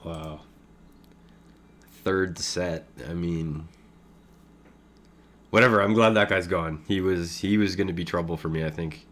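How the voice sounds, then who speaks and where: A man's voice: deep voice, fairly even intonation, unhurried, pauses often, fairly bright tone. A man commenting on his own online poker game in casual, thinking-aloud talk, with many fillers and chuckles.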